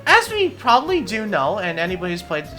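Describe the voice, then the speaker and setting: A woman's voice: medium pitch, wildly swooping pitch, quick pace, bright, forceful tone, soft background music. A woman giving casual commentary in a gaming vlog, amused and sarcastic, often close to laughing. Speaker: gaming video creator.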